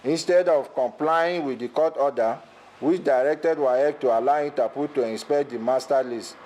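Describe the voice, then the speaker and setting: A man reads scripted news copy. The voice is mellow and rounded, at an ordinary male pitch. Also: moderate pace.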